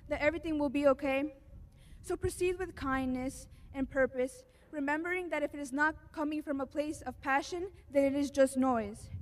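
Teen girl, graduation speaker, high voice, earnest and heartfelt. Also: steady tone, normal speed, few pauses. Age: teens. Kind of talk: graduation speech.

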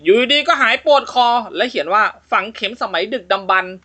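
A man's voice: high-pitched, animated, brisk, pushed and bright. A man hosting a comedy channel, reacting to funny clips in crude, joking banter and laughing often. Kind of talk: casual comedic commentary.

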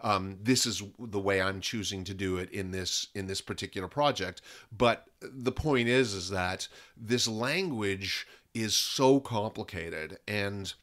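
A man from Canada, a film and content producer talking as a podcast guest in a lively way, often restarting sentences and piling up examples. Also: fairly low pitch, unhurried, hardly any pauses. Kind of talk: casual interview talk.

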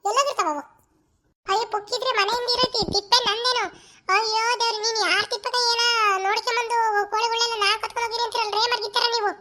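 A woman's voice: very high-pitched, steady tone, racing, bright, forceful tone. A woman voicing a quarrelsome village woman in a cartoon, defending herself against a charge of stealing hens, with a scolding, defensive manner. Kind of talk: cartoon voice acting.

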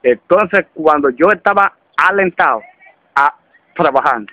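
A man with a Dominican accent telling a comic story casually, halting and repeating words as he goes. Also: a little high, lively intonation, bright, forceful tone, highs cut off. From Dominican Republic.

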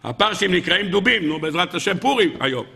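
A man preaching as a rabbi, an animated storyteller who jumps into high, excited voices for his characters. His tone is gravelly yet bright, with a wide, lively pitch range. He speaks with an Israeli Hebrew accent.

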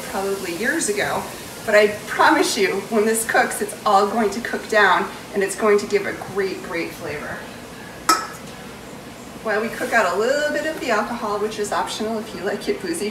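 Stirring and pouring as she goes, a New England woman in her forties hosts a casual chili cooking video in her home kitchen, chatty and self-mocking. She speaks in a mid-range voice at normal speed. Recorded by a distant camera on a tripod, the audio is roomy, with background noise and a pan sizzling.

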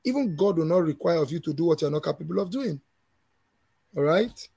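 A man's voice: a little high, lively intonation, brisk, vocal fry, dark tone, breathy edge, no room sound. A man in his thirties with a Nigerian English accent, answering questions as a conference speaker in an emphatic, preachy way, often laughing.

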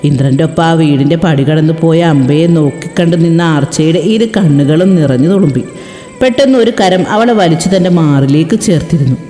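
A woman narrating a dramatic story in an expressive reading style. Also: low voice, a little fast. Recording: echoey reverberant room with music.

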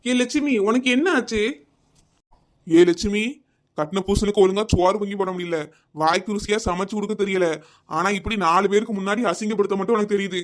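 A man's voice: high-pitched, fairly quick, close to an everyday voice. A man voicing a scolding, complaining middle-aged village husband in a cartoon comedy, with a Kanyakumari Tamil accent.

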